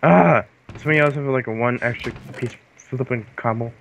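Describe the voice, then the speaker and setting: A man from the United States chatting casually while gaming with friends, excitable and quick to shout and laugh. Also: medium pitch, a little hiss or hum. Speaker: gamer.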